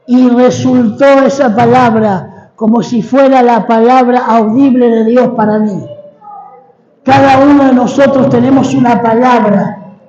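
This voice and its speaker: A middle-aged Argentine man delivers a sermon as a personal testimony in a high, dark-toned voice. He speaks slowly and dramatically, pausing to have the congregation repeat after him. The sound is dull and lo-fi, with a long reverb from the church hall. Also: fairly even intonation. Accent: Argentine Spanish. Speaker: guest preacher.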